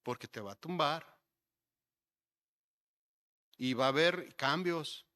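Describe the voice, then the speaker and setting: A male pastor preaching a sermon, building to emphatic points and dropping to soft, low asides. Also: slow. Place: church sanctuary.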